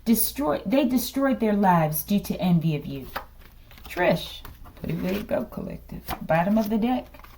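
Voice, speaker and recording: A woman's voice: mid-range voice, expressive, normal speed, warm tone, slight background noise. A woman giving a casual tarot reading, speaking bluntly and dramatically and checking in with her listeners. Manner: emphatic, keeps checking in with listeners. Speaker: tarot reader.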